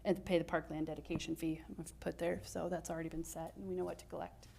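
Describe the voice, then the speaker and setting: Woman, staff presenter at a council meeting, lowish voice, methodical and plain. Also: level tone, fast talker, creaky, a little mellow, a little hiss or hum. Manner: explains step by step, with frequent ums and uhs. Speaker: city planning staff presenter.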